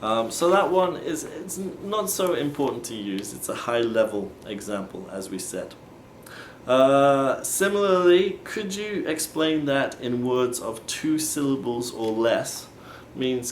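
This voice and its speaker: A man teaching English phrases, explaining slowly and patiently and acting out example questions. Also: fairly low pitch, slight background noise. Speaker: language teacher. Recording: echoey room with faint ambience.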